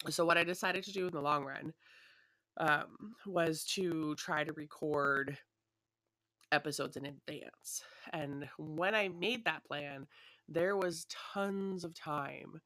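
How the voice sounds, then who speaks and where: A young woman hosts her own casual solo podcast, rambling chattily with lots of fillers and light laughs while still a little sniffly from a cold. Her low, slightly bright voice is steady and unhurried, captured in clean studio quality with no echo on her own desktop microphone.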